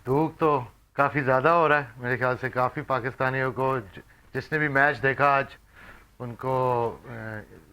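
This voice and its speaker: A man's voice: mid-range voice, steady tone, normal speed, bright, forceful tone. A man who is a former cricketer and commentator, discussing the game on a panel and often switching into English phrases, with frequent restarts. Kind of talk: casual analytical panel talk.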